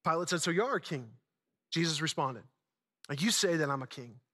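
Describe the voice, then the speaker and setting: In a large, reverberant church, a man preaches a conversational sermon in informal, slangy language, pressing his points with repeated phrases and rhetorical questions. His fairly high voice is expressive, a little fast, bright and forceful, with hall reverb around it.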